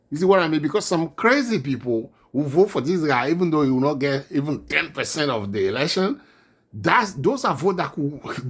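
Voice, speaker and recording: A man with a non-native accent, whose first language is not English, gives indignant political commentary. His husky voice rises and falls widely as he hammers his points home again and again. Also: on the high side.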